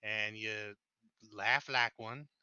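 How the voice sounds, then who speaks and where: A man playing a good-natured, uneducated country man who is earnest and slow on the uptake, recorded on a clipping mic. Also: on the low side, steady tone, bright, forceful tone, smooth, no echo, muffled recording, exaggerated voice. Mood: earnest, apologetic.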